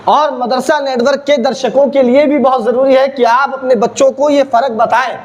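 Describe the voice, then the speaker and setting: A man's voice: extremely high pitch, steady tone, normal speed, muffled recording. A man teaching Quran recitation, drilling letter sounds by asking questions and answering them himself. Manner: repetitive call-and-response drilling, asks and answers his own questions. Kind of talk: classroom-style teaching video. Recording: noisy background.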